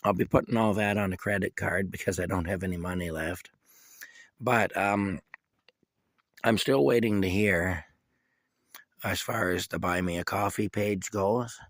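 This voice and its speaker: Sick guy with a cough, deep low voice, rambling update from his camper, dry close sound. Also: dry recording. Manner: rambling and halting, with frequent restarts and coughs. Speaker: vlogger giving a personal update. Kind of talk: casual rambling video update.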